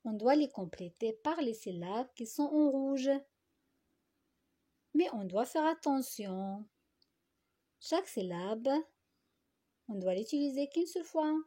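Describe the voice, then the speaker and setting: A woman teacher walks young children through a phonics exercise at a very slow, careful pace. She repeats each word and stretches it out syllable by syllable. Her voice is mellow, soft and a little high. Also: animated. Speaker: primary school teacher.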